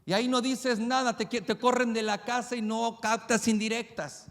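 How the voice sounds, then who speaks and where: A male pastor, preaching a sermon with emphatic, rapid-fire rhetorical questions. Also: very high voice, little pitch movement, fairly bright tone, long reverb tail.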